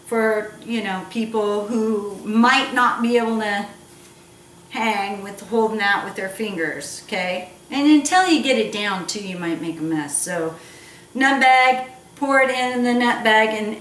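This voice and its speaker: Slow, playful woman in an echoey room. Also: medium pitch, a bit bright. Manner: jokey, playful, with teasing asides. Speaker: cooking show host. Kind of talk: casual instructional cooking chat. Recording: echoey room, distant mic, noisy background.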